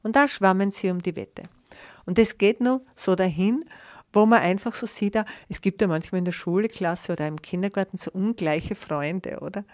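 A woman reading a children's picture book aloud in a lively way, pausing to describe the pictures. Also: medium pitch. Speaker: storyteller.

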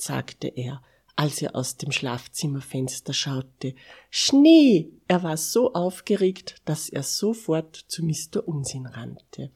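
A woman reading a bedtime story to children, expressive and dropping to a whisper for asides. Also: low voice, husky.

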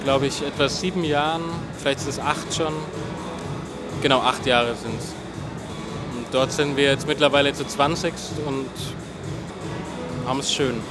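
A man speaking casually in an interview, relaxed and correcting himself as he goes. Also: mid-range voice, unhurried, pauses often, loud music behind the voice.

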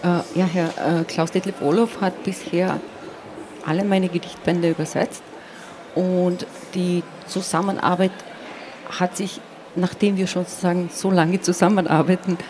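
Amid clear ambient background noise, a woman speaks in a lowish voice with little pitch movement. She is a poet and interview guest from Carinthia in southern Austria, Slovenian by first language, and her reflective, explanatory talk is halting and searching, sprinkled with the tag "ja."

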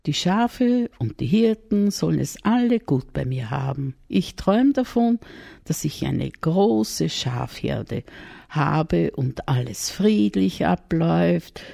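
Woman with an Austrian accent doing a shy shepherd boy, high dreamy voice, gravelly edge, dry audiobook sound. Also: big pitch swings, slow, dark tone, dry recording, exaggerated voice. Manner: dreamy, gushing, anxious. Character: timid tender-hearted little shepherd boy.

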